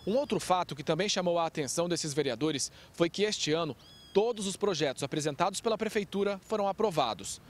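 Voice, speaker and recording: A man reporting for TV news, delivering a measured, formal report outdoors with a handheld microphone. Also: high-pitched, lively intonation. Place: outdoors in front of city hall.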